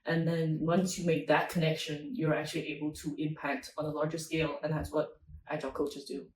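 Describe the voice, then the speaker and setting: A woman's voice: deep voice, little pitch movement, brisk, darkish tone. A young woman answers interview questions in a friendly, thoughtful way and often restarts her phrases. She sounds distant from the mic in an echoey conference venue. A faint hum of noise runs behind her. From Singapore. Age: young adult. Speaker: interview guest, agile coach. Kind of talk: casual interview.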